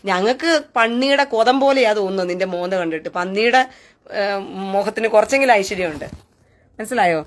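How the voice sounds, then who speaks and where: A woman's voice: mid-range voice, quick pace. A woman hosting a live stream, taunting and scornful, who keeps asking jeering questions. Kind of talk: mocking live rant.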